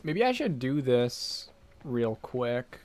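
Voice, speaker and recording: A man's voice: medium pitch, big pitch swings, takes it slowly, darkish tone, no room sound. A man streaming a game live, rambling casually and reacting to his chat with loose jokes. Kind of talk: casual live gameplay commentary.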